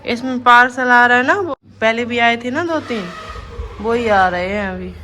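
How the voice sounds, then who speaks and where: Chatty village mum with a Bundeli accent. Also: female voice, on the high side, normal speed, pushed and bright. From Bundelkhand, India. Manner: chatty, teasing, coos at her children. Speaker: vlogger and mother. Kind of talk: casual family vlog narration. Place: village home indoors.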